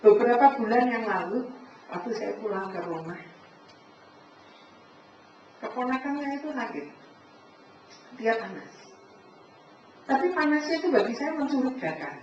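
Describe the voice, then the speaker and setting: A woman giving a preaching talk to a congregation, animated, acting out conversations and often addressing her listeners directly. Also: a little high, moderate pace, long pauses. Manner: animated, acts out dialogue, keeps addressing the listeners. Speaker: speaker at a church family fellowship. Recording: echoey hall from far off, dull sound, faint noise.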